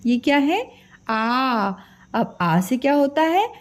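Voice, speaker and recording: A Hindi teacher gives a children's alphabet lesson in a high-pitched, sing-song voice, taking it slowly. She patiently repeats each sound, quizzes the kids, and mixes English drawing words into what she says.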